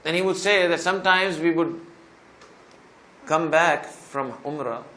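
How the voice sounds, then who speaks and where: A man's voice: a little high, a little slow, bright, forceful tone. A male preacher giving a sermon, retelling another man's story in the first person and rising to emphatic pleas at its peaks. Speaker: Islamic preacher.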